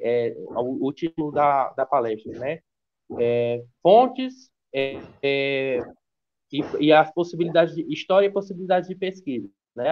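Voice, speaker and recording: A man from Ceará, giving an online academic lecture in a hesitant way, with many restarts. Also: medium pitch. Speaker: guest lecturer. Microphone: video call. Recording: dull lo-fi video call audio.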